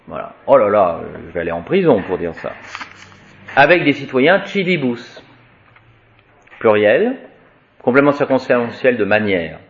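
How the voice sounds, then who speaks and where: A man gives a slow spoken Latin grammar lesson. He chants each declension in a rising and falling sing-song, his pitch moving widely. The recording sounds dull and lo-fi. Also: big pitch swings, a little hiss or hum. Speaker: Latin teacher.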